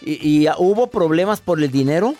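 A man's voice: on the high side, animated, normal speed, dark tone, soft background music. A man hosting a radio call-in show, teasing and joking with guests in playful chat. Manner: teasing, jokey, talks over others. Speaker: radio host.

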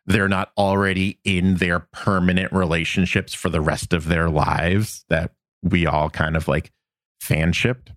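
Podcast co-host, man, deep voice, casual and rambly, dry close recording. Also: unhurried, dry recording. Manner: relaxed, rambling with fillers like "like" and "uh". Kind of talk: casual chat and episode recap.

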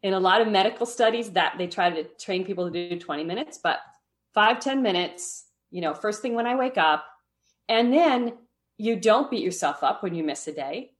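A woman's voice: mid-range voice, expressive, normal speed. A woman as a podcast guest, explaining meditation habits in a friendly, explanatory way and often checking in with "right?". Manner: explanatory, often tags "right?", light laughs. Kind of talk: podcast interview.

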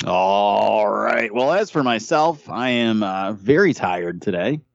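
A man's voice: lowish voice, lively intonation, takes it slowly, gravelly, no echo. A man hosting a casual podcast, upbeat and joking, with showy intros for his co-hosts. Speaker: podcast host. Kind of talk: casual chat. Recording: dull dry lo-fi mic.

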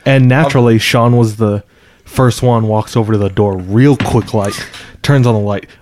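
A man with a lowish voice chats as a co-host in a cabin in the woods. He explains background in plain, casual talk, with little room echo. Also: fairly even intonation, moderate pace, darkish tone. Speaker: podcast co-host.

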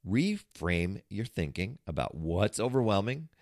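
A man's voice: lowish voice, sing-song, unhurried, darkish tone, no echo, studio quality. A man hosting a motivational fitness podcast, talking with energy and rising into salesy, upbeat sign-offs. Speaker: podcast host and fitness coach.

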